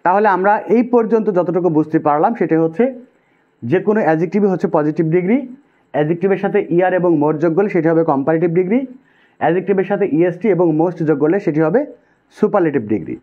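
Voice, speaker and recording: Male grammar tutor, Bangladeshi Bengali accent, slightly high voice, patient and repetitive, muffled lo-fi recording. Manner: patient, repeats key rules slowly. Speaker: English grammar teacher. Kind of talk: explanatory lesson. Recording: dull lo-fi sound.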